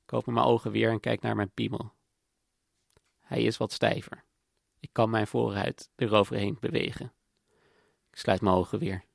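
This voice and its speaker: A man giving calm, matter-of-fact, intimate first-person narration in a scripted documentary. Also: fairly low pitch, moderate pace, gravelly, pauses often, no room sound. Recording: dry close voice-over with faint music.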